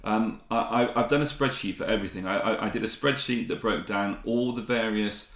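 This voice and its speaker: A man's voice: lowish voice, brisk, a bit bright, echoey room. A man in his forties from the UK, co-hosting a podcast in casual chat, rambling with restarts and fillers. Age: 40s. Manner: rambling, many restarts and ums. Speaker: podcast co-host.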